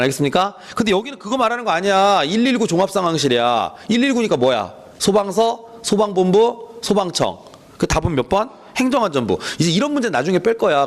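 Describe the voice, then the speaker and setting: Brisk, high-voiced male exam-prep teacher, playful and chatty. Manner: animated, teasing, acts out student back-and-forth, keeps checking with listeners. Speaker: fire law lecturer. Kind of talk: online exam-prep lecture.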